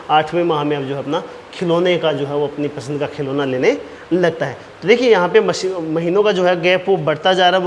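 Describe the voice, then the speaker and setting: A man teaching an exam-prep lecture, explaining point by point and slowly dictating key phrases, repeating them. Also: fairly high pitch. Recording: reverberant room with faint noise.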